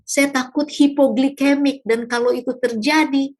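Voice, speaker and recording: A woman's voice: sits high, fairly even intonation, moderate pace. A woman pastor from Indonesia giving a devotional talk, telling a personal testimony in a conversational, storytelling manner. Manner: conversational, warm storytelling with tag questions.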